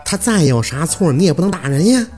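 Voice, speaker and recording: A man's voice: on the high side, big pitch swings, fairly quick, darkish tone, faint music behind, pitched above the performer's own voice. A man voicing a scolding old village woman. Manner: chiding, admonishing.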